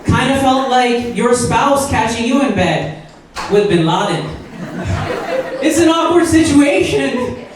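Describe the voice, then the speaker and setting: A man's voice: extremely high pitch, expressive, noisy background. Young male comic from Pakistan, self-deprecating set, distant mic, roomy live-venue sound. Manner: self-deprecating, punchy jokes with pauses for laughs. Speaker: stand-up comic. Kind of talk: stand-up comedy set. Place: live event room with audience. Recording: echoey venue mic heard from far off with crowd.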